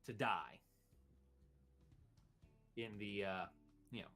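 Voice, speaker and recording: A man narrating a tabletop role-playing game as game master, halting and searching for his words. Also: on the low side, creaky, fairly bright tone, faint music behind.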